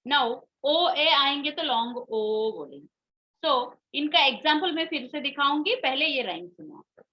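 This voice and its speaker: A woman teacher giving an online phonics lesson to young children, drawing out each vowel sound slowly and calling her pupils affectionately. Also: high voice, big pitch swings. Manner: slow, drawn-out vowel demonstrations, calls pupils "beta". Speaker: schoolteacher. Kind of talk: online English phonics class. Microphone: video call. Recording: dull lo-fi video-call audio.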